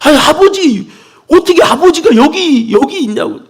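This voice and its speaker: A man in the pulpit acting out a remorseful young son, with a high, strained voice, shouting and sobbing. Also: sing-song, normal speed, husky, full character voice. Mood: tearful shouting.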